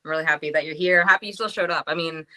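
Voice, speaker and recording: A woman with a bright, forceful, slightly low voice talks upbeat and encouraging. She shares her gratitude with the group on a video call, often saying "like". Her tone stays positive and open. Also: steady tone, racing, poor audio. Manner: upbeat, warm, encouraging, with many "like"s. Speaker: call participant. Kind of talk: personal sharing in a group call.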